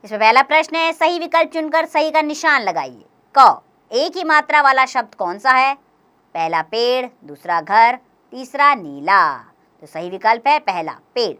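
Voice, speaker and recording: A woman teaching a grammar lesson for young children, explaining slowly and clearly, step by step. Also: high-pitched, animated, bright, forceful tone.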